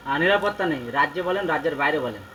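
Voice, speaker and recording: A man's voice: on the high side, lively intonation, rapid-fire, pushed and bright, slight background noise, low-quality recording. A man asking questions as a reporter in a press interview, heard off-mic.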